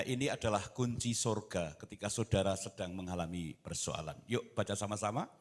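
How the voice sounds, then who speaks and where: A man preaching a sermon in church, moving between quiet talk and loud, impassioned exhortation. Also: mid-range voice. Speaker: pastor. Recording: reverberant church hall.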